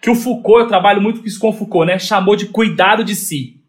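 A man with a Brazilian Portuguese accent, answering as an interview guest in a reflective, conversational way, animated and fond of acting out little dialogues. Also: high voice, fast. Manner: animated, acts out quoted dialogue.

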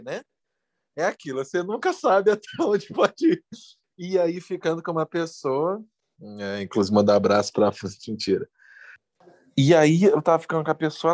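Man, casual chatter with lots of melody, keeps checking agreement. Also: on the high side. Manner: relaxed, chatty, keeps saying "né". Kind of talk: casual chat.

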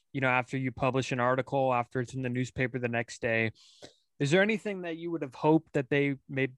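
A man's voice: mid-range voice, dry recording. A man asking conversational questions as an interviewer.

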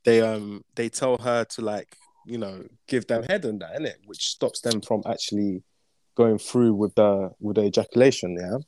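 A man's voice: on the low side, moderate pace, a little mellow, dry recording. A young man with a London roadman accent and urban slang, chatting casually as a podcast co-host and peppering his talk with tag questions. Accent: London, urban multicultural slang (roadman). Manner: slangy, tag questions like "innit", "you get me". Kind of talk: casual chat.

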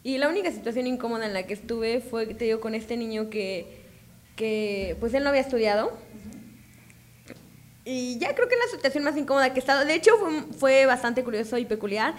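A woman's voice: a little high, expressive, fairly quick. A young woman co-hosting a podcast, speaking earnestly and laughing easily. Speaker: podcast co-host. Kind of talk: casual chat.

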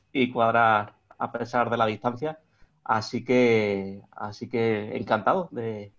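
This remote interview guest, a man in his thirties with an Extremadura Spanish accent, has a medium-pitched, fairly bright voice, though the audio is dull. He's from Extremadura, Spain, and speaks hesitantly with many fillers and restarts.

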